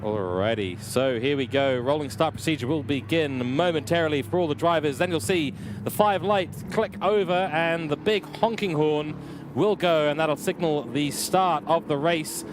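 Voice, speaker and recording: Sim racing commentator, engine noise behind. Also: male voice, fairly high pitch, normal speed. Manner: energetic, rising with excitement at incidents. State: losing his voice. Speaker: race commentator.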